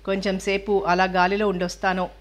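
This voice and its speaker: A woman voicing a proud, headstrong young woman of a wealthy house in an audiobook, with a sharp, commanding manner. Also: mid-range voice, flat delivery, brisk, natural voice. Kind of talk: audiobook character reading.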